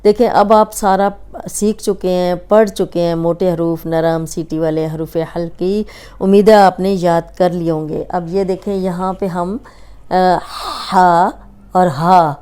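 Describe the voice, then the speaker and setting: A woman's voice: fairly low pitch, fairly even intonation, mellow, smooth. A woman teaching a recorded tajweed lesson, patiently explaining and drawing out letter sounds to demonstrate them. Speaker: Quran recitation teacher.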